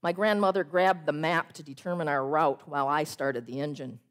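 A woman preaching a sermon, telling a story in a measured way and slowing down on key phrases. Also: sits low, fairly even intonation.

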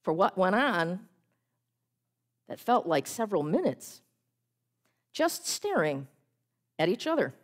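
A woman delivers a sermon and shapes it like a story. She speaks at a mid pitch and stretches out the key phrases in a deliberate, unhurried way. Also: big pitch swings. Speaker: preacher.

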